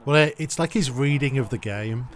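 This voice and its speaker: Relaxed man chatting on a watch-along. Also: mid-range voice, normal speed. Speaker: podcast co-host. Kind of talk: casual watch-along chat.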